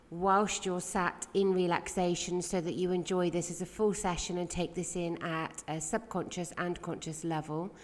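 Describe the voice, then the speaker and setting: A woman leading a guided meditation, giving soothing instructions in gentle, measured phrases with pauses. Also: on the low side. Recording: long reverberant hall-like echo.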